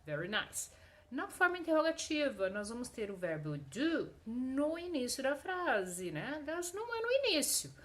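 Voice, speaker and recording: Lively-pitched woman teaching a lesson. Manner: explanatory, checks in often with short tag questions; slows down and stresses the example sentences. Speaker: English teacher. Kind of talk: video grammar lesson.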